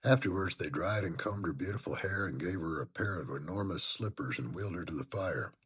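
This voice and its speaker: A man giving an expressive first-person dramatic reading of a classic novel. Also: low voice, brisk, slightly rough. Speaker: audiobook reader.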